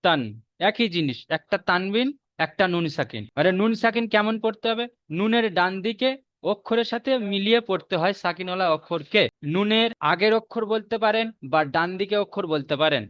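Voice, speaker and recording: A man with a Bengali accent teaching Quran reading in a recorded online lesson, repeating rules and slowly drawing out each letter. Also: high voice, smooth, no echo. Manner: slow drawn-out spelling of letters, repeats rules for memorizing. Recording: dull muffled lo-fi audio.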